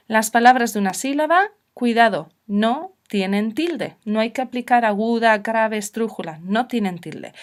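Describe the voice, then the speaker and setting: A woman teaching a recorded grammar lesson, explaining patiently and giving example sentences. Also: on the high side. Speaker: Spanish teacher.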